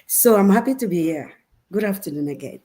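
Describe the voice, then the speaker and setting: A woman's voice: medium pitch, animated, brisk, mellow. A woman from Nigeria, a mother of five, chatting proudly as a panelist. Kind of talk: casual panel chat.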